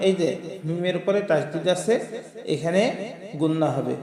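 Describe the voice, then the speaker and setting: A man teaching prayer recitation, chanting words in a drawn-out melody and explaining how to pronounce them. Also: fairly high pitch, warm tone. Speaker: religious teacher. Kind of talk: recitation lesson. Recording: echoey hall with faint music.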